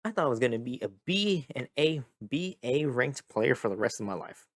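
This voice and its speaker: A young man hosting a casual gaming vlog, tired and a bit monotone, rambling and repeating himself as he talks. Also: medium pitch, moderate pace, no echo, clean studio sound. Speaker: gaming video host. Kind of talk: casual talk to camera.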